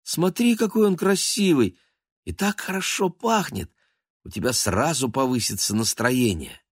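A man voicing an excitable little girl in a storybook, shrill and eager. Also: a little slow, husky, dry recording, studio quality.

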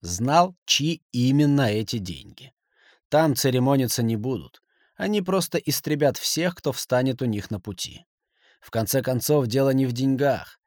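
A male narrator reads a thriller with a lively, widely moving intonation and dramatic weight. His mid-pitched voice sits in a dry, close recording with no room sound. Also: moderate pace, no echo. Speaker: audiobook narrator. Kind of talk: scripted narration.

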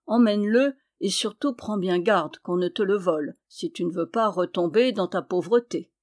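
A blustering male storm spirit speaks with emphatic, raised energy, as a woman reading a folk tale aloud puts him on. He is greedy and loud yet easily won over, turning good-natured and fatherly toward the tailor. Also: medium pitch, normal speed, natural voice.

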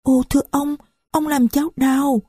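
A woman's voice: sits high, little pitch movement, normal speed, warm tone, no echo, clean studio sound, pitched above the performer's own voice, natural voice. A woman voicing a shy, polite little girl in an audio story, with a timid, childlike manner. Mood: innocent. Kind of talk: audiobook reading.

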